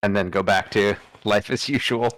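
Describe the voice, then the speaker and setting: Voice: sits low, fairly even intonation, normal speed, a bit bright. A player chatting casually during a tabletop role-playing game.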